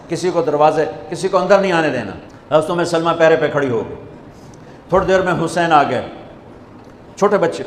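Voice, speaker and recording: Scholar guy narrating a sermon story all dramatic, kinda high voice. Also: echoey room, big-room sound, slight background noise. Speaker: religious scholar.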